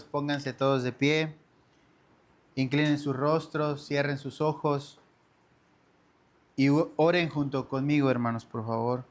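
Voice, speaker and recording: A man teaching a church discipleship lesson in an earnest sermon style, often addressing his listeners as brothers and sisters. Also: a little high.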